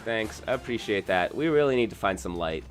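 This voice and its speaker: A man's voice: fairly low pitch, animated, brisk, soft background music. A man live-streaming a video game, chatting casually with viewers in a rambling, self-correcting way. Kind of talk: casual live-stream chat while gaming.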